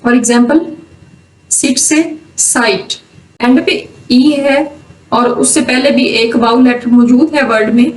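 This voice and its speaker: A woman teaching English pronunciation, reading rule sentences slowly and then explaining them. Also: a little high, fairly even intonation. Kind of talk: explaining lesson. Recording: roomy echo, mic at a distance.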